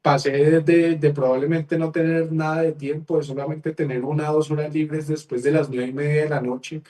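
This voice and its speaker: A young man, making an earnest, persuasive business pitch to viewers with repeated phrases. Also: level tone, moderate pace, mellow, distant mic. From Colombia. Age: 20s. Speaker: business opportunity presenter.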